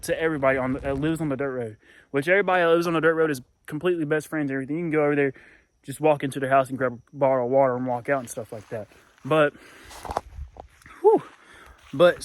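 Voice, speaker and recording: A young man, rambling casually as he walks around outdoor hunting land, often trailing off with "and everything like that". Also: fairly high pitch. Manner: talks while walking outdoors. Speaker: hunting vlogger.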